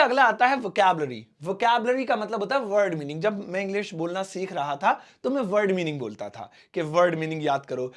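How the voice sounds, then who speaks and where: A man teaching a spoken English lesson, explaining slowly and repeating each word with everyday examples. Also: high voice.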